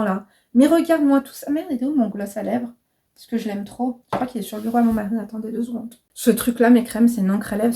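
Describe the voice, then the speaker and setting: A woman's voice: fairly high pitch, dark tone. A woman in her thirties chatting frankly to camera as a vlogger and coach, casual and direct, swearing freely. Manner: chatty, frank, swears casually, addresses viewers as "mes crèmes".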